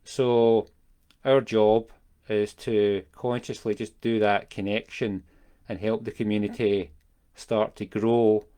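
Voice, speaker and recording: Low-voiced man musing on marketing terms. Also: level tone, slow pace, smooth. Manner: reflective, gently searching for words. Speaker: business coach. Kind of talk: solo talk to camera.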